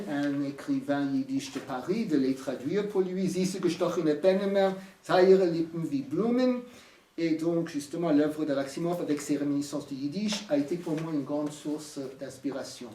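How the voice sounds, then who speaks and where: A man's voice: on the high side, normal speed, mellow, a little hiss or hum. Hesitant man with an American accent. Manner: hesitant, many fillers and restarts. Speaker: author presenting his book. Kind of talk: halting lecture talk. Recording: echoey room from far off.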